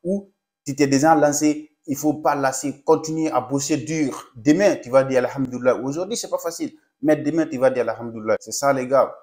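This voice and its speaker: Speaking briskly with a medium-pitched, darkish voice, a young man who isn't a native French speaker hosts a casual tutorial vlog. His tone is that of an upbeat pep talk, and he addresses his audience as "les gars".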